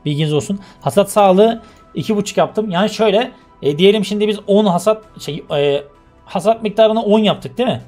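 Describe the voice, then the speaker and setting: A man's voice: high voice, fairly quick, darkish tone, soft background music. A young man chatting casually to his viewers before a let's-play, rambling about his troubles and walking through game settings. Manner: rambling, talks straight to viewers as friends. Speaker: gaming YouTuber.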